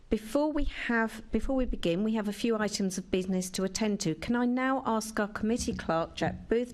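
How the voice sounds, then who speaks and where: Woman chairing a committee in a council chamber, formal procedural tone, mid-pitched, stumbles and restarts now and then.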